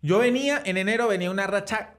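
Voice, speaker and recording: A man's voice: high-pitched, fast, a bit bright. A young man, co-hosting a podcast in joking, slangy banter. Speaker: podcast co-host. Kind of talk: casual chat.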